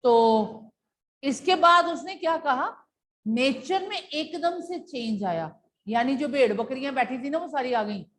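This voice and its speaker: A woman's voice: high-pitched, lively intonation, measured pace, slight background noise. A woman teacher explaining a poem to her class, patiently repeating key points and asking questions that she then answers herself. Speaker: school teacher.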